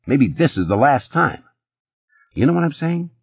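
A male narrator heavily acts out a sleazy, jittery nightclub playboy who talks fast, boasts, and pushes, his pitch leaping high and swinging all over in a sing-song, nervous rush. His husky voice sounds dry and close, slightly dull and muffled.

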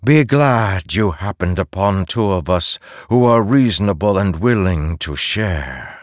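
A man voicing a stern, measured female dragon goddess who speaks gravely. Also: low voice, animated, no echo, clean studio sound.

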